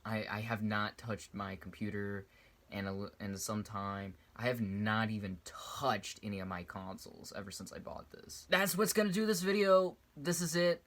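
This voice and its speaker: Reviewing a VR headset for his YouTube channel, this young man speaks at a normal pace in a lowish voice with a fairly bright tone. The product review is casual and meandering; he often restarts sentences and wanders away from the subject.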